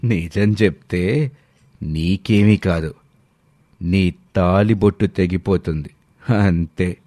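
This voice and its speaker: A ruthless uncle who will do anything for money, played by a man, with a low, dark voice that threatens coldly. The storybook reading is recorded dry and close. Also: slow, no room sound. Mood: menacing. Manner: cold, threatening. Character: ruthless greedy middle-aged male villain uncle. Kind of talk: storybook voice acting.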